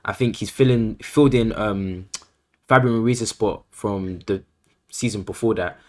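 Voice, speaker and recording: A man's voice: fairly low pitch, measured pace. A man co-hosting a casual football podcast, hedging and repeating himself as he gives his views. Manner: hedging, repeats himself, lots of "I think" and "I feel like". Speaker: podcast co-host.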